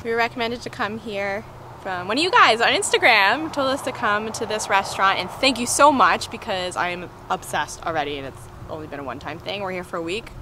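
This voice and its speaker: A woman's voice: medium pitch, expressive, brisk, background noise. Chatty enthusiastic woman vlogging outdoors. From Canada. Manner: chatty and enthusiastic, talks with mouth full. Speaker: travel vlogger. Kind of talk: casual vlog chat. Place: outdoor restaurant garden.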